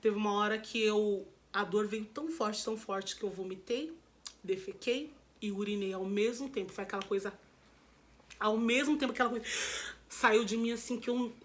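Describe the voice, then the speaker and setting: A woman's voice: mid-range voice, fairly even intonation, moderate pace. A woman with a Brazilian Portuguese accent, telling her viewers a personal story in a candid, emotional vlog. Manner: emotional, candid, repeats herself and addresses viewers as "gente". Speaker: vlogger.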